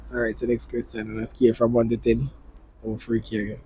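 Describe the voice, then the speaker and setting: A young man running a street interview into a handheld mic, joking and teasing the woman he talks to. His pitch sits in an ordinary middle range, and faint street noise hums behind him. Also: monotone, a little fast. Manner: playful, teasing, loud bursts. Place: outdoors on a street at night.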